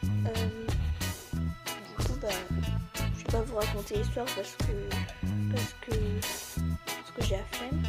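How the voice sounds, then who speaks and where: A teenage girl with a hoarse, slightly high voice talks in a loose, rambling way, full of fillers and restarts. It sounds like a casual home vlog. Loud music plays under her voice the whole time. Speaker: vlogger. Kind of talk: casual chat.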